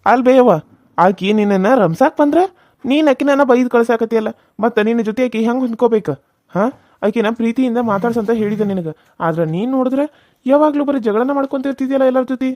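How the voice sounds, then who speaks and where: Woman playing a young cartoon husband, mellow voice, quick coaxing talk. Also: on the high side, no room sound, studio quality, natural voice. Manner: coaxing, reasoning, mildly exasperated. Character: young village husband, caught between mother and wife, peacemaking. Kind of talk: cartoon serial voice acting.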